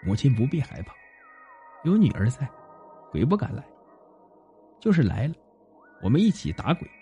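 A man voicing a young female ghost disguised as an orphan girl, speaking softly and sorrowfully. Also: sits high, moderate pace, soft background music. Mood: soothing. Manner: soft, sorrowful, pleading.

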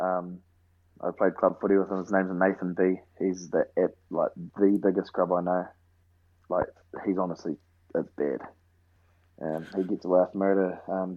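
Young man, broad Kiwi accent, low voice, laconic casual interview guest, dull muffled recording. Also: fairly even intonation, moderate pace. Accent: broad New Zealand. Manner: laconic, short slangy answers. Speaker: interview guest, rugby player. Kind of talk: casual chat.

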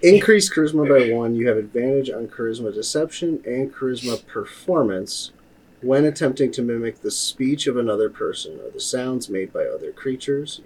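A man's voice: medium pitch, a little mellow, slightly rough, recorded from a distance, poor audio. A man playing a tabletop game, talking through rules and rolls in casual chat.

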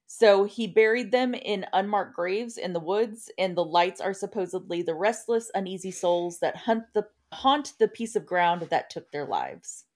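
A woman co-hosts a casual podcast, walking her partner through local ghost legends. She is a chatty storyteller who breaks into laughter easily. Her voice sits at an ordinary middle pitch. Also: animated, a little slow, hardly any pauses, darkish tone. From Southeast Texas. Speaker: podcast co-host presenting the topic.

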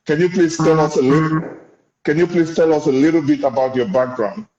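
A man hosts a casual interview in an encouraging manner. His voice is dark and mellow at a middling pitch. The sound is somewhat muffled, with clear room echo. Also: steady tone, fairly quick. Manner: encouraging, complimentary. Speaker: host of a business interview show. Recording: muffled audio in an echoey room.

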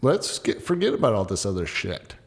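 A man's voice: on the low side, sing-song, fairly quick, long reverb tail. A man as a guest in a casual chat, agreeable, hesitating with many fillers.

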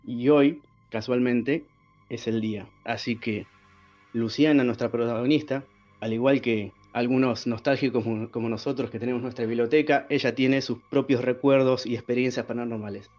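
A man's voice: mid-range voice, steady tone, normal speed, muffled recording, faint music behind. A man hosting a podcast, introducing the episode with enthusiastic, rambling lists. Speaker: podcast host.

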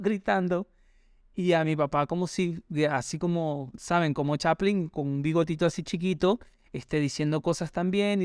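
A man's voice: a little high, a little mellow, clear, resonant tone, dry recording, studio quality. A man hosting a personal podcast, telling a reflective, rambling story and addressing his listeners directly. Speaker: podcast host.

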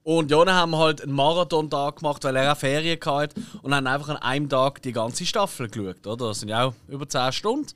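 A young man with a Swiss German accent talks in a chatty, rambling way and laughs often. His voice sits a little high for a man. He is recorded dry and close on a podcast mic. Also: fast talker, few pauses, fairly bright tone, smooth, no echo. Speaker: podcast co-host. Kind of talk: casual chat.

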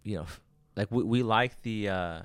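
A man in a casual chat, agreeing readily and speaking in a hesitant, halting way. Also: on the low side, clean tone, no room sound. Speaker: conversation partner.

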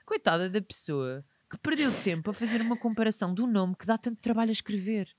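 A man in his twenties speaks with a European Portuguese accent, mid-pitched and frank. He stresses his points hard and now and then breaks into laughter. The sound is dry and close. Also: fast, a little mellow, dry recording. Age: 20s. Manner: emphatic, open and reflective, with sudden laughs. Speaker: guest entrepreneur. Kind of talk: candid podcast conversation.

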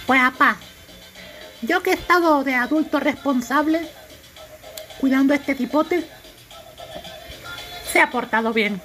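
A woman's voice: sits high, unhurried, pauses often, a bit bright, faint music behind. A woman voicing a cheeky young grandson with a Salvadoran accent, talking back to his grandfather.

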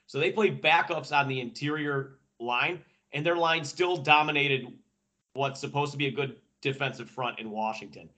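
A man's voice: mid-range voice, normal speed. A man giving casual sports commentary as a podcast panelist, colloquial and emphatic like an invested fan, often repeating phrases. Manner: animated fan talk, emphatic repetition, colloquial. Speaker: podcast panelist and football analyst.

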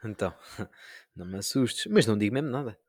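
A young man with a European Portuguese accent chatting casually on a podcast, telling stories with lively imitations and sudden loud outbursts. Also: on the low side, fast, no room sound, clean studio sound. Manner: animated storytelling, mimics voices, rising into outbursts. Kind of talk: casual chat.

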